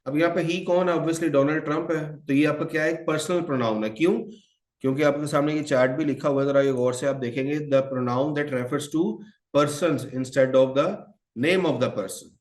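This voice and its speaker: With a voice on the high side, fairly even intonation, and normal speed, a man delivers an online exam-prep lecture on English grammar, combining Hindi-Urdu and English. He addresses students as children and quizzes them, answering his own questions, and the sound is reverberant.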